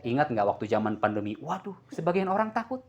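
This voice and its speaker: Fairly high-pitched and fast, a man's sermon plays with the upper frequencies clipped off. He's lively, mixing in jokes and asking questions the congregation responds to.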